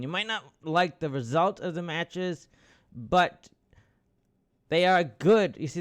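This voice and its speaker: A man hosting a podcast, talking casually about wrestling in a rambling way with restarts, bursting into loud, excited outbursts and the odd swear. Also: fairly high pitch, clean tone. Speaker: podcast host.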